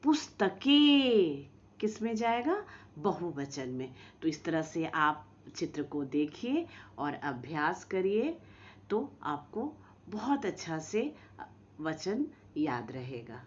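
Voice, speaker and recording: Woman teacher for small kids, slow and sing-song, slightly muffled lo-fi recording. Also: low-pitched, slight background noise. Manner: slow, drawn-out pronunciation of example words; lively, coaxing teacher tone with questions to children. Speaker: school teacher. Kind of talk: recorded online lesson for young children.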